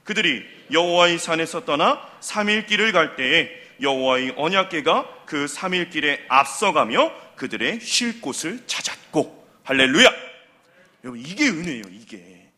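A middle-aged man preaching a sermon as a pastor, animated and acting out the voices he quotes. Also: on the high side, moderate pace, few pauses.

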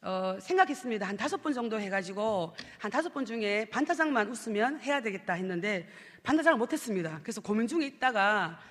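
A woman pastor of a children's department preaching a sermon with lively, expressive storytelling. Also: medium pitch, fast talker. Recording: reverberant church hall.

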